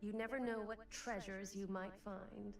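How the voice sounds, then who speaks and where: A young woman playing a courteous, mysterious elderly shopkeeper in a video game, with a put-on old, faint, creaky voice. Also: mid-range voice, steady tone, measured pace. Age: young adult. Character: elderly female curiosity shop keeper, courteous and mysterious. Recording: roomy, distant game audio over music.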